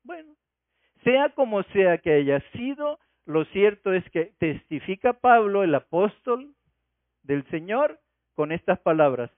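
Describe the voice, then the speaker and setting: A man's voice: sits high, dry recording. A man preaching a Sunday sermon, expounding scripture and asking rhetorical questions. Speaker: pastor. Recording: tinny phone-like radio sound.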